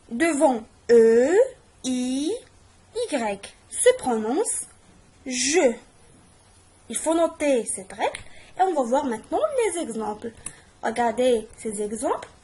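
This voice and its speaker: A woman with a Moroccan accent teaches a pronunciation lesson. Her voice sits high and carries a husky edge. She explains each rule slowly and clearly, like a patient classroom teacher. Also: mellow. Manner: switches between French and Moroccan Arabic, explaining slowly and clearly. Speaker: French teacher. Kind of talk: language lesson.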